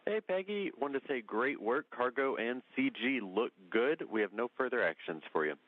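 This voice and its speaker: A man's voice: mid-range voice, lively intonation, normal speed, no echo. A man speaking as capsule communicator from mission control, in short businesslike calls over a narrow, distant radio link. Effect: narrow, distant space-to-ground radio link. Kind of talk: brief mission radio call. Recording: tinny distant radio line.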